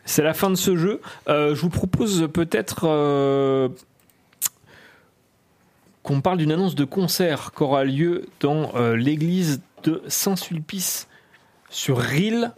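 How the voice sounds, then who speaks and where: A man hosting a radio quiz, relaxed and joking with the team. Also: fairly high pitch, slow pace. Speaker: quiz host.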